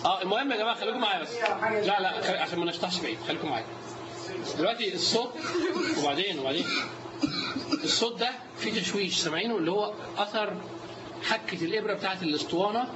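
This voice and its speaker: Speaking very fast in a high-pitched voice, a man with an Egyptian Arabic accent teaches a live class. He's lively and keeps quizzing his students along the way. The recording is dull and lo-fi with steady noise.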